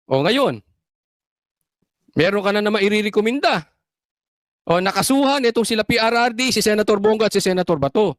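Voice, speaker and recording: Brief: sarcastic political commentator, animated pitch, dry close mic, combative rhetorical style. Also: no echo. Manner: repeats words for emphasis, mixes in English phrases. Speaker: political vlogger.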